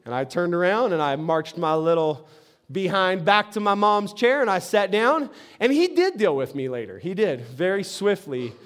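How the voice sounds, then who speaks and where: A man with a notably high voice preaching a sermon. He speaks conversationally and often repeats a word as he gets a sentence going. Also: animated, moderate pace. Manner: conversational, repeats words when starting sentences. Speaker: pastor.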